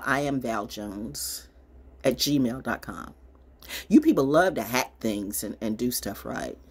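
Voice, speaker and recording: Filmed on a phone at arm's length in a small wood-panelled room, an older woman vlogger delivers a casual rant while reading cards. Her voice is husky and bass, her manner brash, theatrical, and ready for a fight.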